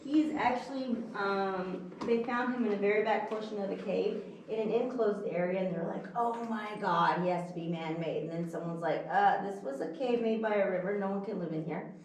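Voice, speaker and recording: A woman's voice: mid-range voice, moderate pace, hardly any pauses, darkish tone. Echoing cave voice of a woman tour guide. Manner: chatty, folksy, asks the group questions. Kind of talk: informal spoken tour commentary. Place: inside a cave. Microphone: distant camera mic. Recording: echoing cave, distant mic, faint noise.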